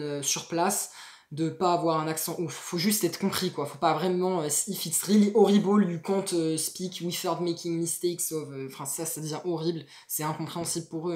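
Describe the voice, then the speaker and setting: A woman co-hosting a language-learning video, talking in slangy casual chat that trails off softly at the ends of phrases. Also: low voice. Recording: echoey room.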